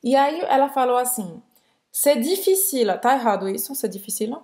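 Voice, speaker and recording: A woman with a Brazilian accent, her voice sitting a bit high, explains French grammar in a relaxed lesson chat. She slows down to spell out sounds and words for learners. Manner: explanatory, demonstrates pronunciation slowly. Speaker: French teacher, co-host. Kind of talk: conversational language lesson.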